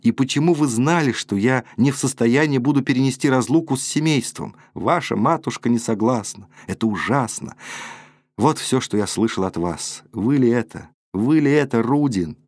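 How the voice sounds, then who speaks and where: A man's voice: medium pitch, moderate pace, a little mellow, husky, no echo, studio quality, pitched above the performer's own voice, lightly acted. A man voicing a passionate, proud eighteen-year-old woman who speaks with emotional reproach. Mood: heartbroken.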